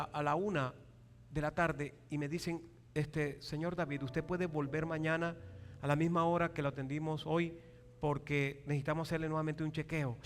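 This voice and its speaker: A male pastor preaching a sermon, animated and acting out dialogue, often asking the congregation for a reply. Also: on the high side. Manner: acts out quoted dialogue in raised voices. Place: large church hall. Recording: long hall reverb with faint music.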